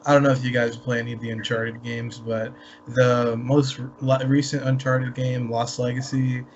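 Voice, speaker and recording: Man, mid-pitched and measured, opinionated in podcast chat; dull recording with light hiss. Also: flat delivery. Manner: measured, opinionated, repeats "you know". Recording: dull lo-fi sound with faint hiss.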